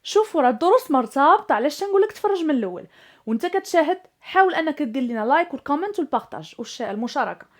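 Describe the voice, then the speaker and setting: A woman with a Moroccan Arabic accent teaching English grammar, explaining in Moroccan Arabic and slowing right down to stress each example sentence. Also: sits high, very animated.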